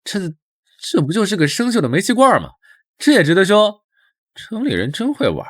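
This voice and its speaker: 漫不经心的年轻修理工. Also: male voice, high voice, huge pitch swings, moderate pace, no room sound, clean studio sound, heavily acted. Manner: casual, unbothered. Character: laid-back male young mechanic, offhand. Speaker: lead character. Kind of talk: motion comic voice acting.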